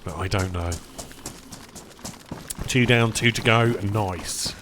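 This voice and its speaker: A man's voice: lowish voice, slow pace, background noise. A man chatting casually to his viewers while streaming a game, rambling between topics and eating as he talks. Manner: rambling, chatty, addresses chat as "boys"; talks while eating, mouth full at times. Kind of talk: casual live-stream chat.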